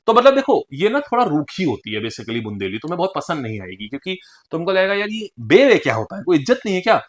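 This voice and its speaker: A male teacher giving an animated exam-prep lecture, talking straight to his students and acting out dialect phrases. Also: a little high, quick pace.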